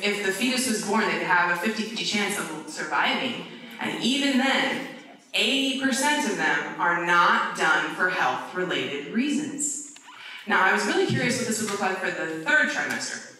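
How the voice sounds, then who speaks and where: Bright-voiced woman lecturing in echoey hall. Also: mid-range voice, far from the mic. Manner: animated, emphatic, frequent "okay?" tags. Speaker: conference speaker. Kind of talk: conference talk with slides.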